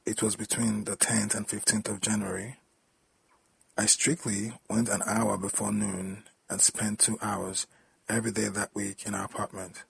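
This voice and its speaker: A man reading a story aloud in a plain, steady storytelling manner. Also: lowish voice, normal speed, gravelly, slightly rough, low-quality recording. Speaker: story narrator.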